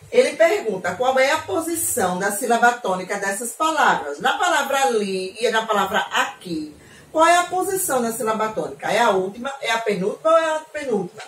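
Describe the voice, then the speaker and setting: A Brazilian woman teacher with a fairly high voice, patiently walking young children through their homework, repeating each step and slowing down to spell things out. She sounds set back from the mic in an echoey room, with a faint hiss underneath. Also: distant mic. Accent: Brazilian Portuguese. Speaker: primary school teacher. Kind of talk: recorded homework explanation for children.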